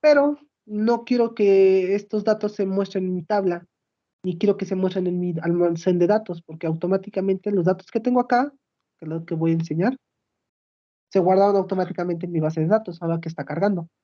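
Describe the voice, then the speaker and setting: Woman, patient step-by-step demo narration, mid-pitched, muffled lo-fi mic. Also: fairly quick, warm tone. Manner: explains step by step, checks in with "¿sí?". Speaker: student presenting a project. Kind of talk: screen-recorded software demo.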